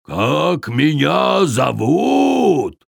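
A man voicing a huge, forgetful, bewildered male giant in a children's story, booming and slow. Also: wildly swooping pitch, vocal fry, dry recording, clean studio sound, exaggerated voice. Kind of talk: storybook character voice.

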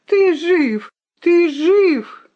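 Earnest old rooster soldier, emotional and a little high-pitched, done by a woman reader. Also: very animated, extremely slow, lo-fi sound, heavily acted. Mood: overjoyed. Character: old veteran rooster, a gentle male soldier.

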